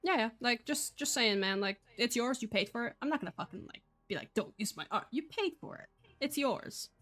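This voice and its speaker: A woman from Poland, a non-native English speaker, moderates an online group voice call in a firm, measured way, filling her sentences with "uh" and "um." Her voice is fairly high, expressive and fairly bright, with soft music playing in the background.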